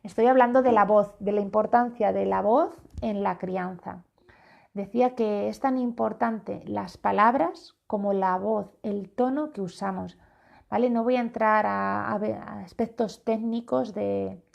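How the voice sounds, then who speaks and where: Slow, gravelly-voiced woman parenting coach. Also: medium pitch, steady tone, highs cut off. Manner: slow, deliberate, demonstrates tones by acting out phrases. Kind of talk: live-streamed talk to viewers. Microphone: phone or webcam live stream.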